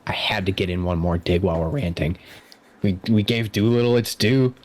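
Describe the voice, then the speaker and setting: A man's voice: sits low, brisk. A young man co-hosting a movie podcast, ranting in casual chat, sarcastic and exasperated. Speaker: podcast co-host.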